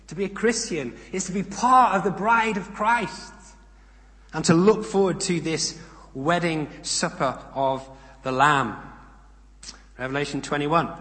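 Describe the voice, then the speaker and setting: A man giving a sermon, reading scripture aloud with rising emphasis and explaining it in calmer asides. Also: fairly high pitch. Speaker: preacher. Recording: long hall reverb.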